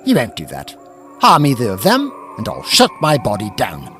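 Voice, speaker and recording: In a sci-fi audio drama with music in the background, a man plays a defiant, eccentric alien time traveller, delivering theatrical, expressive speeches in a resolute mood. His voice is medium in pitch at a normal speed.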